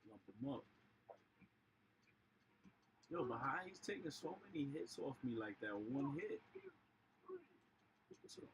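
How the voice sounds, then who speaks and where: A man streaming a retro boxing game live, talking through every punch with grunts, "ooh"s and hype. His voice sits at an ordinary middle pitch. A faint hiss of noise runs under it. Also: a little slow, pauses often, rough recording. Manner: excited running commentary with grunts and exclamations. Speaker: livestream gamer. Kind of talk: casual live gameplay commentary.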